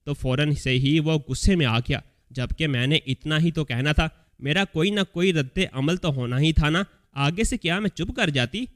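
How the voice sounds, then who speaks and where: A man reading a scripted story aloud as a voice-over, telling it in the first person as an elderly mother in a steady storytelling manner. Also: on the high side, hardly any pauses. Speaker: story narrator. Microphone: voice-over recording.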